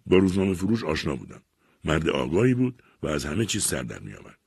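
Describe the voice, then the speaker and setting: An audiobook reader, a man, narrates a literary story in a measured, expressive way. His deep, husky voice has lively intonation and is recorded close and dry, with no room sound.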